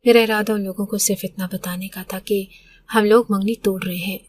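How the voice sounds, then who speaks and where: A woman's voice: mid-range voice, fairly even intonation, a little mellow. Middle-aged woman telling a heartfelt story. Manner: emotional, conversational retelling. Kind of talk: first-person story narration.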